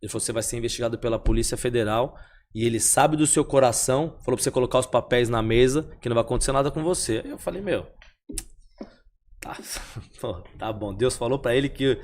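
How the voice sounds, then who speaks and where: A young man, talking as a podcast guest. He tells his story casually, repeating himself and acting out every exchange. His voice sits at a middle pitch. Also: fast talker. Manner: animated, repeats phrases, acts out the dialogue.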